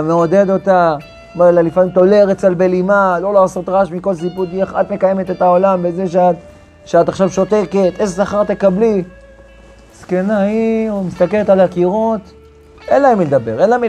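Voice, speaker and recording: Rabbi teaching a Torah lesson: a high-pitched man who intones verses and repeats himself, faint music behind. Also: dark tone. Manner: chants scripture verses slowly and emphatically; repeats phrases with hesitant restarts.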